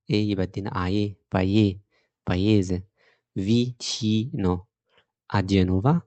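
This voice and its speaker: A man with an Egyptian Arabic accent gives an Italian pronunciation lesson. He has a low, gravelly, mellow voice and walks through each rule patiently, slowly repeating example words. The sound is dry and close. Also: dry recording. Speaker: Italian teacher.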